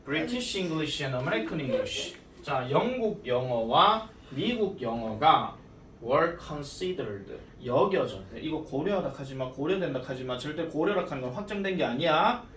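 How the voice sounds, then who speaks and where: A man teaching an English grammar lesson at a cram school. He talks casually and jokes, and reads the English lines out slowly. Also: a little high, lively intonation, a bit bright, slight background noise. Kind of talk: classroom grammar lecture. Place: classroom. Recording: echoey classroom from far off.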